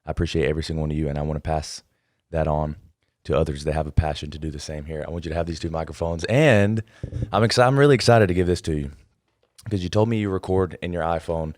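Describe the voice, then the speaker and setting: A man hosting a casual podcast interview in a studio, energetic and encouraging, talking in quick bursts. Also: a bass voice, no echo. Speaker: podcast host. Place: podcast studio, in person with guest. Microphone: studio microphone.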